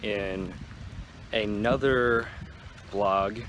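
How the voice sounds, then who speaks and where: Low-voiced young guy vlogging outdoors. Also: steady tone, extremely slow, fairly bright tone, a little hiss or hum. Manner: rambling, filler-heavy with "like". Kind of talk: casual outdoor vlog chat. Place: outdoors in a park, walking.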